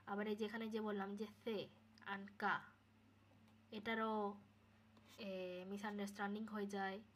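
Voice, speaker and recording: A woman teaching Spanish pronunciation in a recorded solo lesson. She talks casually, sounds letters out slowly and keeps checking in with "okay?". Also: medium pitch, little pitch movement, a little hiss or hum. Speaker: Spanish tutor. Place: home, recorded alone.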